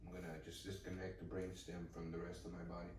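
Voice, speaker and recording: A young man co-hosting a comedy podcast, rambling through deadpan, absurd improvised stories. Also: low-pitched, fast, a little hiss or hum. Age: young adult. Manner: deadpan rambling storyteller, escalating absurd bits. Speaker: podcast co-host. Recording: echoey room, distant mic.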